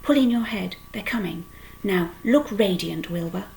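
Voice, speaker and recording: A woman reading aloud and voicing a wise, bossy old female sheep who gives urgent, hushed orders. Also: medium pitch, moderate pace, gravelly, a little hiss or hum, close to an everyday voice, poor audio. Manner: urgent whispered instructions.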